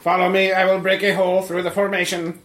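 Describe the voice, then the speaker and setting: A man's voice: high-pitched, completely flat delivery, fast, fairly bright tone. A man playing a tabletop game, speaking playfully in character. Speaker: player. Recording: echoey room.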